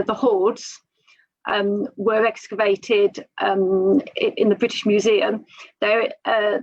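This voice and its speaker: A woman's voice: medium pitch, dry recording, lo-fi sound. A woman archaeologist on a panel, explaining findings thoughtfully with frequent ums and restarts over a video call.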